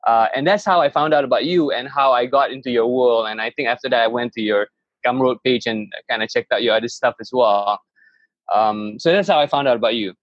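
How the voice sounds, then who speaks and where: In a casual interview-style podcast chat, a guest in his thirties who grew up in Malaysia shares his story, rambling enthusiastically and restarting frequently. He speaks a little fast in a mid-range voice. There's no echo, though the highs are cut off.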